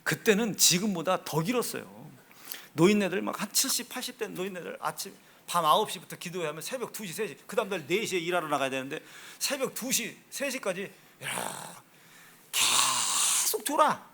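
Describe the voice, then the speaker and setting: A man with a Chungcheong Korean accent preaching a sermon in a church, swinging from hushed asides to loud, emphatic exhortation. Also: high-pitched, lively intonation, fairly quick. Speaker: pastor. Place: church sanctuary.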